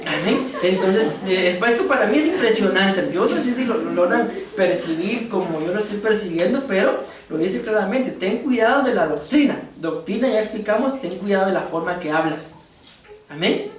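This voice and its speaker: Costa Rican pastor preaching from far off. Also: male voice, sits high, expressive, moderate pace, crowd noise. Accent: Costa Rican Spanish. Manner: joking, conversational preaching with rhetorical questions. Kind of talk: sermon. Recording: very echoey room, voice from far off.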